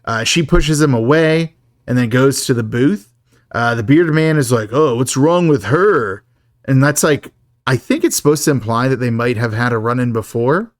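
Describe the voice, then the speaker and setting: Man, podcast co-host, casual jokey film recap, laughs a lot, mid pitch, dry recording. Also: moderate pace, no echo. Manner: chatty, jokey, laughs often. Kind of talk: casual chat.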